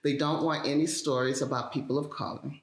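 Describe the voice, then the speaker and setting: A woman's voice: low-pitched, brisk, roomy sound. A woman, a television writer, telling a story in an interview and acting out the voices she quotes. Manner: animated, acts out quoted voices.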